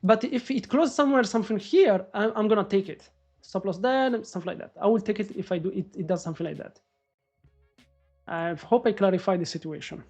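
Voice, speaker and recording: A man doing live trading commentary on a stream, excitable and swearing as he talks to the market. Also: high voice, fairly quick, soft background music. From Morocco. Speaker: day trader live-streaming.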